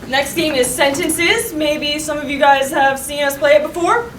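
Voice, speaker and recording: A woman's voice: high-pitched, moderate pace, slight background noise. A woman on a cosplay panel explaining the next game in a bubbly, giggly way. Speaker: cosplay panelist running the games. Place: large convention hall. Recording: echoey hall, distant mic, loud crowd.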